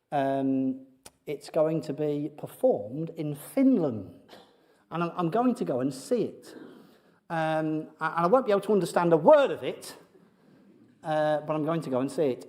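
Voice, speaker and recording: A man giving a conversational sermon to a congregation, joking about himself and often pausing with fillers. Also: on the high side, warm tone. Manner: humorous, self-deprecating, many fillers. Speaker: preacher. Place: church sanctuary with congregation.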